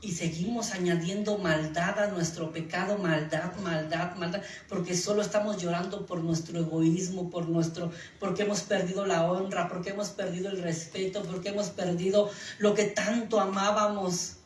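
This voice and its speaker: A man's voice: high voice, steady tone, moderate pace, few pauses, a little hiss or hum. A male pastor preaching a sermon to his congregation. He uses rhetorical questions and acts out short quotes. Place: church hall. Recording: echoey room mic from far off, faint ambience.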